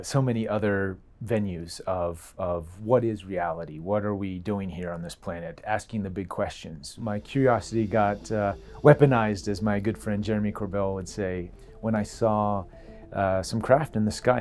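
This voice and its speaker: A man being interviewed in a relaxed, casual way, with frequent hesitations. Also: low voice, normal speed. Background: faint music.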